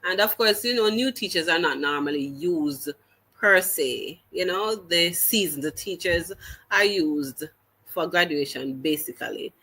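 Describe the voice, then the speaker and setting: This woman's lowish voice is husky, expressive, and sharp. As an interview guest, the Jamaican-accented teacher shares her story earnestly, stopping and restarting often and slipping into patois.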